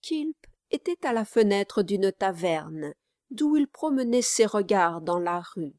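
A woman narrating a classic novel in a measured, deliberate reading. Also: medium pitch, big pitch swings, a little mellow, no room sound, clean studio sound. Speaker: audiobook reader. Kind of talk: scripted literary narration.

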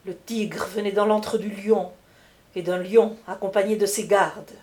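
A woman narrating a classic novel as an audiobook, in a measured, literary manner. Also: medium pitch, steady tone, darkish tone.

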